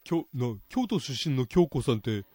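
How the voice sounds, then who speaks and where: A man hosting a radio dialect lesson, with a Niigata accent and a chatty manner full of small halting restarts. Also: mid-range voice, big pitch swings, mellow, no echo. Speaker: host.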